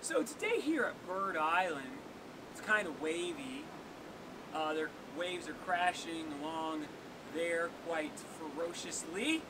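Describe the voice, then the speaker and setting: A young workout host leads a casual outdoor session in a seaside cave, joking and counting down for viewers. His voice is animated and his pace slow. A camera on a tripod picks him up from a distance, and the noisy outdoor recording carries the rumble of waves.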